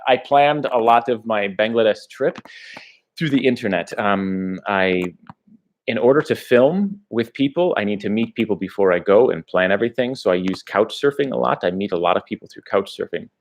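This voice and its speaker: A travel vlogger chats on a livestream, responding to viewers in a halting, meandering way while working out his thoughts aloud. His fairly low voice is animated.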